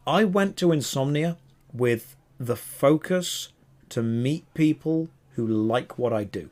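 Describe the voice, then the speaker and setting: A man's voice: mid-range voice, lively intonation, takes it slowly, a little mellow. A man co-hosting a casual podcast, talking enthusiastically and wandering off on tangents. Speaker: podcast co-host.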